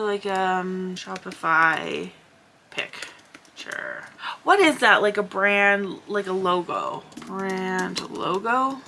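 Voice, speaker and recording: Bright-voiced young woman vlogging. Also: mid-range voice, a little hiss or hum. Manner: rambling, thinking aloud with many fillers. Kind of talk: casual vlog chat.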